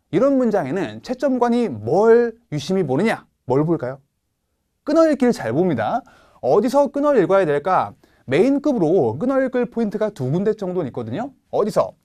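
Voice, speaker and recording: Guy giving an online test-prep class, high voice that jumps all over, keeps firing questions at the viewers. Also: a little mellow. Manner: quizzes viewers with quick rhetorical questions; reads English example sentences slowly, stressing words. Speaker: TOEIC speaking instructor. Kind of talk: online exam-prep lecture.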